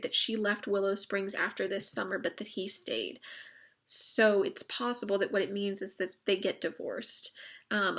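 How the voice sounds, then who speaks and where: A slightly hoarse woman leads an informal literature lesson in a chatty way, with many fillers and wry asides. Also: medium pitch, fairly bright tone. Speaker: book discussion leader.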